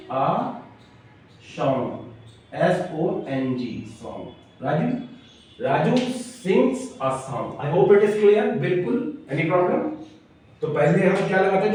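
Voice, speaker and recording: A man's voice: sits high, animated, slow pace, darkish tone. Echoey male teacher spelling words aloud. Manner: explains step by step, spells words letter by letter; keeps checking in with listeners. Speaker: English teacher. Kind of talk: classroom grammar lesson. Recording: very echoey room, mic far off.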